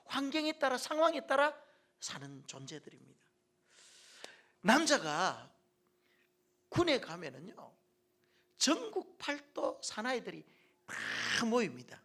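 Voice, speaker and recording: A middle-aged male pastor preaching a sermon in a church, joking with the congregation and dropping from loud calls to near-whispered asides. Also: extremely high pitch, wildly swooping pitch, takes it slowly, pauses often. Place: church sanctuary.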